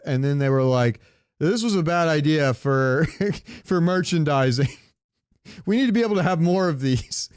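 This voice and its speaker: Chatting loosely as a podcast co-host, this man uses a slightly high, smooth, somewhat mellow voice, swearing as he riffs on film and pop culture. The sound is studio quality with no echo.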